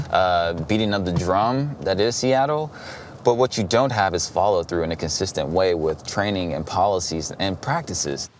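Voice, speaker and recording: A man interviewed outdoors for a documentary, speaking reflectively and searching for words. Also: low-pitched. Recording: street noise behind.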